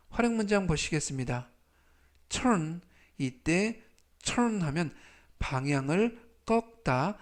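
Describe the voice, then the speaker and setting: A man teaching English vocabulary, speaking slowly and deliberately and repeating each word three times. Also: on the high side. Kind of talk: vocabulary lesson.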